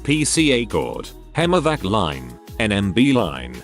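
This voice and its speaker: A man's voice: fairly low pitch, huge pitch swings, measured pace, music in the background. A man reading out humorous short anecdotes as scripted narration.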